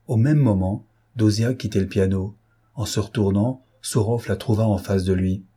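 Low, husky-voiced man narrating a novel, measured delivery. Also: mellow. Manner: measured, storytelling.

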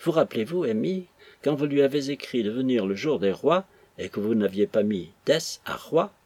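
A man reading aloud and voicing an older, jovial father who mocks his son in a loud, teasing way. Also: medium pitch, lively intonation, moderate pace, slightly rough, no room sound. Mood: mocking.

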